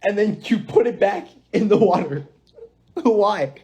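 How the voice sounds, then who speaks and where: A man's voice: high voice, expressive, slow pace, a little mellow, breathy edge. A young man chatting casually on a phone livestream, playful and giggly. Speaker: livestream host.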